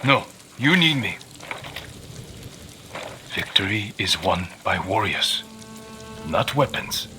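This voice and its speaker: A man's voice: lowish voice, sing-song, slow, long pauses, background noise. An actor playing a determined young male samurai in a video game, speaking steadily and earnestly and pressing for answers. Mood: resolved. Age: young adult. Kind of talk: video game cutscene acting.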